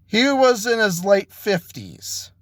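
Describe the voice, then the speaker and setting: A man telling an improvised story in a halting way, with restarts and self-corrections. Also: high-pitched, sing-song, a bit bright, no room sound, studio quality. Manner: slow, halting delivery with restarts.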